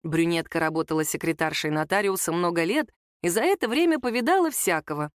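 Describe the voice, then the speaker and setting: A woman narrating an audiobook in an expressive storytelling manner. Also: on the low side, a little fast, dry recording, clean studio sound. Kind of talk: scripted narration.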